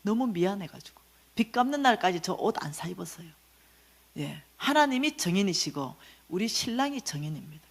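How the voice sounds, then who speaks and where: A middle-aged woman giving a lively church finance lecture, telling her own story and acting out the voices in it. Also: medium pitch, fairly quick, slightly rough. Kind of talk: testimony sermon lecture.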